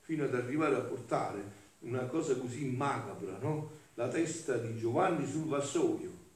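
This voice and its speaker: A man, a friar, preaching a sermon, swinging from loud emphasis to hushed asides with rhetorical tags. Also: mid-range voice, expressive, normal speed. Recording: roomy echo, voice from some distance.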